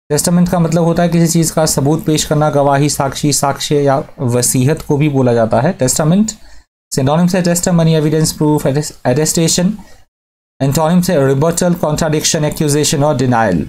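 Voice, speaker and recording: A man's voice: on the high side, warm tone. A man teaching English vocabulary, listing meanings, synonyms and antonyms methodically. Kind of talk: vocabulary lesson.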